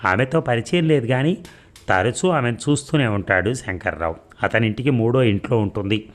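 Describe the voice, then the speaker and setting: A man narrating an audio story in a steady, measured reading. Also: mid-range voice.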